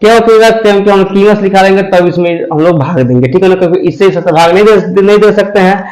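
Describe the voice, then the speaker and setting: A man teaches math at a coaching class. He works through each step slowly, repeating himself and stopping often to ask if it is clear. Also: sits high, a little mellow, rough recording. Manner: slow, repetitive explaining with frequent check-ins. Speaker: math tutor. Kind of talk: blackboard math lesson.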